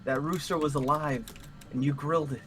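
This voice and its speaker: A man's voice: on the high side, steady tone, fairly quick, fairly bright tone, a little hiss or hum, poor audio. A man chatting casually with fellow tabletop players on a live stream, rambling through many restarts and fillers, with crude, playful swearing.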